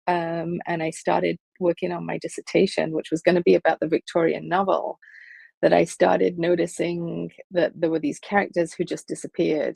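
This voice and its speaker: A middle-aged woman with a Liverpool accent speaks as a guest professor in an interview. Her voice is heavily gravelly and a little husky, a touch low for a woman. She thinks aloud, with many pauses and ums, in a dry, close recording. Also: a little mellow, dry recording. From England. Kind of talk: conversational interview.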